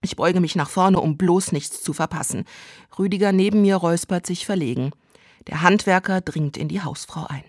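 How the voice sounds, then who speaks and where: A woman's voice: on the low side, normal speed, darkish tone, dry recording. A woman comedian telling a comic story in a dry, matter-of-fact way.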